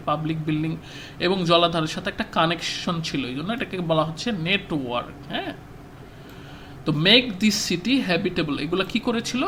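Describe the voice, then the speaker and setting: A man with a Bangladeshi accent teaching an English lesson. He reads English lines slowly and then explains them, asking rhetorical questions. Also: on the high side, a bit bright, a little hiss or hum. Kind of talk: classroom lesson explaining a textbook.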